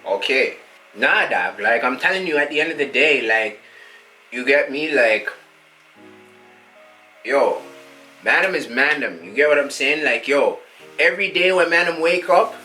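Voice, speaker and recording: A man's voice: medium pitch, expressive, unhurried, pauses often, pushed and bright, soft background music, poor audio. A young man, playing a cocky street rapper who rambles in thick slang and caps every thought with a filler tag. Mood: rambling. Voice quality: slang-heavy rambling with endless filler tags. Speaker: musician being interviewed. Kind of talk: comedy sketch.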